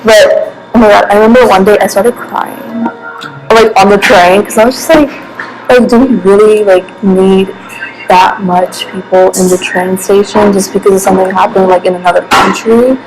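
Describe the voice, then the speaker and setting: A woman's voice: medium pitch, steady tone, normal speed, a little mellow, low-quality recording. A young woman answering interview questions casually, rambling with many fillers and restarts. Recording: background music.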